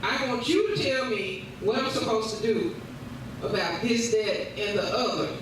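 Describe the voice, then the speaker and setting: A woman delivers a revival sermon in a high voice, repeating her declarations and breaking in with praise. She is recorded at a distance in a large, heavily reverberant church space, with clear background noise. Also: expressive, unhurried. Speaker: preacher. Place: large indoor room at a church service. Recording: echoey church hall, distant mic, noisy.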